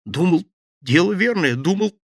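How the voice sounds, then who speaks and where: A man voicing a terrified petty thief who babbles and begs in a high, gravelly voice. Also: lively intonation, normal speed, no echo, clean studio sound. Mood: begging. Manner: frantic, babbling, begging.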